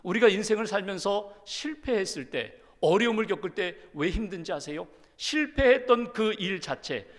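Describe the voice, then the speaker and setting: Male pastor, animated sermon delivery with repetition, high-pitched, reverberant sanctuary. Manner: animated, rhetorical questions, building repetition. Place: church sanctuary. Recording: long hall reverb.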